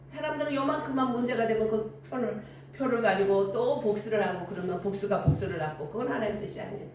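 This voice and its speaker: A woman's voice: mid-range voice, fast, slight background noise. An older woman preaching a sermon and telling stories animatedly, acting out the dialogue. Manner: animated storytelling with acted-out dialogue. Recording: echoey room from far off with faint ambience.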